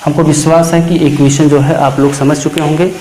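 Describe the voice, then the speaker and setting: A man teaching mathematics in a classroom lecture, often asking a question and answering it himself, and slowing down to dictate formulas. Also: fairly high pitch, level tone, mellow, a little hiss or hum. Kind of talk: classroom lecture explaining problems. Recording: echoey room.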